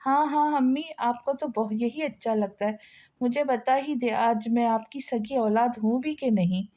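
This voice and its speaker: A woman's voice: fairly high pitch, a little slow, dark tone. A woman voicing a mischievous, defiant young girl who talks back to her elders in a sassy way. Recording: slightly dull lo-fi sound.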